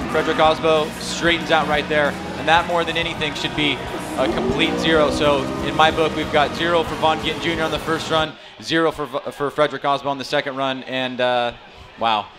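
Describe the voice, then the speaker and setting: A man giving live motorsport analysis as a color commentator, explaining replays in a conversational way. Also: a little high.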